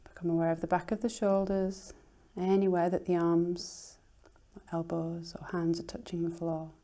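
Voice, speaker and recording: A woman teacher guides a relaxation, soothing, unhurried and gently instructive, her soft voice going breathy at the ends of phrases. She speaks on the low side in a level tone.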